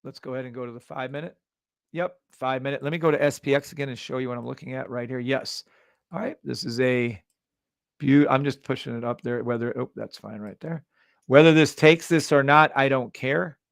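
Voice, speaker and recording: A middle-aged man runs a live trading stream, shouting out orders in quick bursts with brash, profane commentary. His mid-range voice is gravelly, and the audio is studio quality with no echo.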